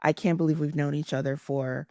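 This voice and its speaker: Woman, podcast host, friendly, encouraging, slight vocal fry, dry sound. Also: deep voice, fairly even intonation, fairly quick, mellow, no echo. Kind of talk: podcast interview.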